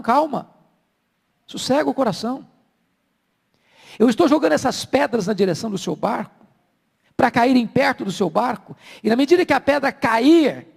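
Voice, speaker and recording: High-voiced preacher, gravelly, in a reverberant hall. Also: male voice. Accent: Brazilian Portuguese. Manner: dramatic preaching, swinging from soft low asides to loud slow emphasis. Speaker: pastor. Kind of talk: sermon.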